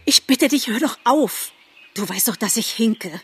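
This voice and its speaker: A woman's voice: a little high, expressive, unhurried, breathy edge, soft background music, voice pushed up, exaggerated voice. A woman voicing a limping young male deer who begs for mercy, in a storybook reading. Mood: pleading. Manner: whining, begging.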